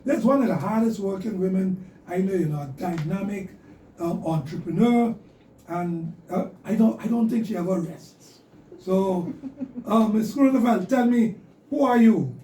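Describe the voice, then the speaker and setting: A woman's voice: medium pitch, unhurried, warm tone, distant mic. A woman hosting a casual interview, feeling her way through loosely worded questions. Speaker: interview host. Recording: roomy, off-mic, background noise.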